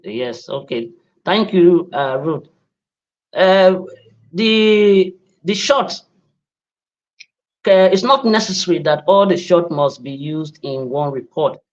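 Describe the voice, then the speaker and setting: A man, answering trainees' questions as a media trainer, halting and repeating words. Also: on the high side, animated, highs cut off.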